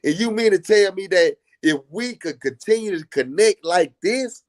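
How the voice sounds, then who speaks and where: Speaking at a normal speed, an expressive man from Dallas, Texas uses a drawl and a pitch on the high side for a male. He's earnest, preaching in a casual live chat and hammering his message through repetition.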